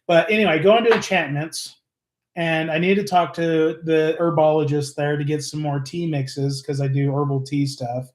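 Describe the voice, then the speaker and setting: A man's voice: a little high, fairly even intonation, normal speed. Earnest, rambling man with a roomy echo. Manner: rambling, earnest storytelling with many fillers and restarts. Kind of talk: casual live-stream chat.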